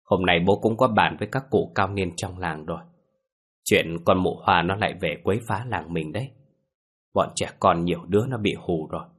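A man voicing a stern, gruff old village father who gives orders to his family in a ghost story. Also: low voice, normal speed, fairly bright tone. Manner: gruff, commanding.

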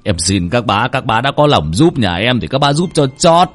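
Man voicing a panicked middle-aged villager, husky, swings from begging to yelling. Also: mid-range voice, big pitch swings, normal speed, soft background music, voice pushed up. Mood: angry insistence. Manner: pleading, then shouting in alarm.

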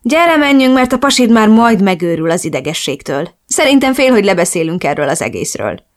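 A woman's voice: mid-range voice, sing-song, natural voice. A woman voicing a young man, the heroine's devoted best friend, in an earnest, reassuring way.

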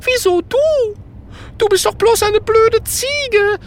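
A storybook narrator voicing a weepy ghost, once a pickpocket, who wails and sobs in a very high, strained voice. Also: takes it slowly, full character voice. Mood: scornful. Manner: wailing and sobbing. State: crying.

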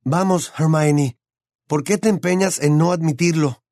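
A man's voice: fairly high pitch, unhurried, dark tone, no room sound, clean studio sound, voice pushed up. Harry, read by a man, eager and determined. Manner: eager, obsessive. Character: determined teenage boy hero.

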